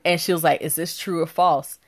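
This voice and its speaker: A woman co-hosts a casual podcast chat in an easygoing way. Her voice sits low for a woman, and she talks loosely and conversationally. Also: fairly even intonation, fairly quick. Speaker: podcast co-host.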